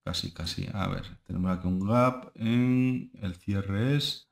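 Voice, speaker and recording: A young stock market analyst and channel host from Spain takes it slowly, his low voice creaky as he rambles over charts in an informal screen share. He records from a home room and keeps dropping fillers such as ¿eh? and ¿vale?.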